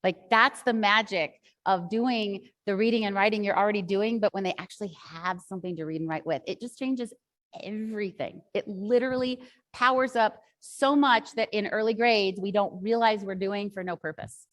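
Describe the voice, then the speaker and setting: Woman teacher trainer doing a workshop talk, chatty and rambly, lots of side tangents, average pitch. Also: fairly even intonation, moderate pace, a bit bright. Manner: chatty, rambling storytelling with many asides.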